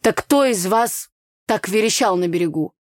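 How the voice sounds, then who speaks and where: A woman's voice: mid-range voice, expressive, normal speed, no room sound, studio quality, natural voice. A woman doing a snide teasing teen boy. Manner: mocking.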